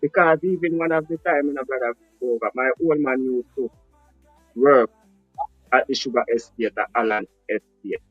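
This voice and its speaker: A man with a Jamaican accent tells his life story in a reflective way, slipping into patois. His mid-pitched voice comes over a dry, dull, lo-fi call line. Faint music plays behind him. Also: normal speed, slightly rough, no room sound. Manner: reflective, speaks patois, often asks "you understand?". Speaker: guest. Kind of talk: casual storytelling interview.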